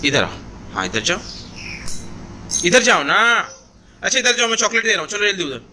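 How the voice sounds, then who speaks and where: A man's voice: high-pitched, very animated, fairly quick, bright, forceful tone, a little hiss or hum. An Indian man filming a family birthday at home, coaxing and teasing a toddler in a playful, repetitive way. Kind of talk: casual family home video.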